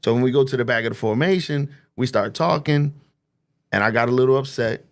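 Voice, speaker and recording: Brief: New man in his forties, gravelly voice, swears freely while acting out dialogue. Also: mid-range voice, a little fast. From New Jersey. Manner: streetwise and profane, acting out dialogue. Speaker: guest. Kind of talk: casual storytelling.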